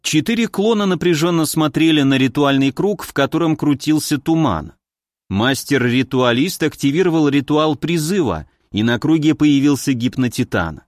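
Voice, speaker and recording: A man narrating a fantasy audiobook in a steady, even storytelling manner. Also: fairly high pitch, moderate pace, no room sound, clean studio sound.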